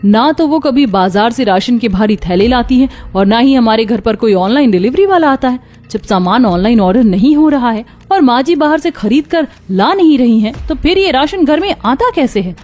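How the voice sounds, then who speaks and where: A woman's voice: on the high side, animated, moderate pace, few pauses, darkish tone. A woman voicing all the female roles in a Hindi cartoon story, from mother-in-law to daughter-in-law to the neighbors, in one voice. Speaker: voice actor for all female characters. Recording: faint background music.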